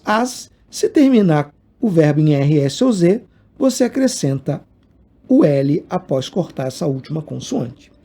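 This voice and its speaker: A man's voice: high voice, dark tone. A man teaching grammar in a casual video lesson, explaining with examples and asking the viewer questions.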